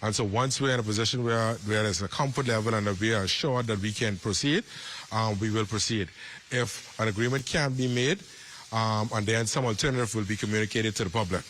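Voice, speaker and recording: A man giving measured, formal answers as a spokesman in a press interview. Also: lowish voice, fairly bright tone. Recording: faint ambient noise.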